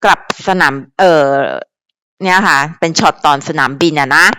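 A woman's voice: low-pitched, moderate pace, bright, forceful tone, clean tone, no room sound. A woman hosting a casual commentary channel, talking straight to viewers in a chatty, advisory way with lots of fillers and repeated words. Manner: chatty, frequent fillers and repetitions; advisory, talks directly to viewers. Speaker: channel host commenting on celebrity news.

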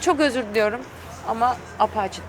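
A woman's voice: fairly high pitch, a little fast. A woman chatting casually as an interview guest, giving her opinions frankly. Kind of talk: casual outdoor chat interview. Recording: clear outdoor traffic and vehicle noise. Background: urban outdoor ambience with vehicles.

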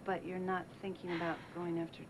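A woman's voice: on the low side, level tone, brisk, close to an everyday voice. An actress playing a bubbly, chatty woman friend in a soap opera, gushing and stammering, on a noisy tape. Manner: gushing, emphatic, stammering restarts.

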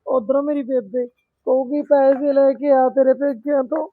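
A woman's voice: high voice, fairly even intonation, moderate pace, no echo, lightly acted. A woman playing a tearful, pleading young wife. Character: distressed young married daughter mistreated by in-laws. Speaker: married daughter. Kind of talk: rural family drama acting. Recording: thin phone-like sound.

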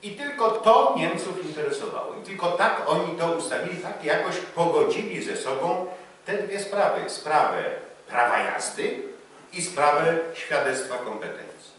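A man's voice: on the high side, expressive, normal speed, a bit bright. Middle-aged guy giving a sailing lecture, lots of ums, echoey room, mic kinda far. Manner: talks with many fillers, gesturing and pointing at the screen. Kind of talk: lecture with slides. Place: lecture room with a projection screen. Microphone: far camera, no visible mic.

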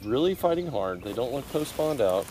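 Laid-back young man with a lively voice. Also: mid-range voice, moderate pace, slight background noise, low-quality recording. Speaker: fishing partner. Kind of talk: casual chat while fishing. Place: outdoors on a bass boat on a lake.

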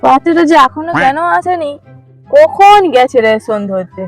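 Lady doing a nagging village wife, suspicious, really high voice, comedy skit with music behind. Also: lively intonation, moderate pace. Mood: worried, scolding.

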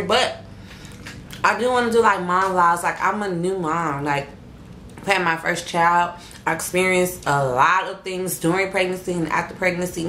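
A woman's voice: mid-range voice, a bit bright, roomy sound, a little hiss or hum. A young woman, a new mom, rambling in a casual mukbang-style vlog to her channel, full of fillers and asides, recorded on a phone or camera. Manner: rambling, filler-heavy talk. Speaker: vlogger. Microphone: phone or camera on a stand.

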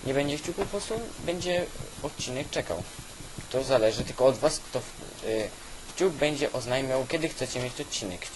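A man's voice: medium pitch, expressive, moderate pace. Man with hissy, noisy mic. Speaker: gaming video host. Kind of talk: casual gameplay commentary. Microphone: old cheap weak microphone. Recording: constant hiss from weak microphone.

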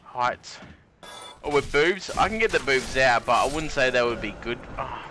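A man, hosting drunken gameplay commentary with loud swearing and laughing outbursts. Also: mid-range voice, lively intonation, moderate pace, background noise. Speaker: gaming channel host.

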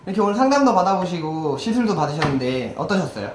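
A TV reporter asking quick, polite questions on site. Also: mid-range voice, very animated. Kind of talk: on-site interviewing. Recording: echoey room with faint noise.

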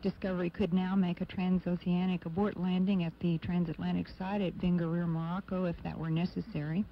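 A man giving live technical flight commentary as a mission control announcer, formal and measured. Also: high voice, flat delivery, creaky. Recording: dull lo-fi broadcast, faint noise.

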